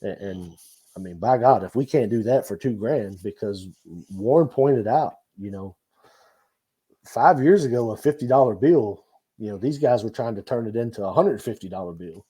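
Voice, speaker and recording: A man's voice: on the low side, lively intonation, normal speed, warm tone, husky. A man, talking earnestly as a guest and telling stories about his nonprofit work. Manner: earnest storyteller, frequent restarts. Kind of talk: casual conversation.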